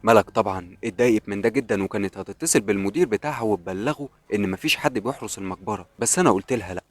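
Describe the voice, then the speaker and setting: A man's voice: fairly low pitch, very fast, dry recording. A man with an Egyptian accent narrating a scripted horror story in the first person, in a brooding, dramatic way. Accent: Egyptian Arabic.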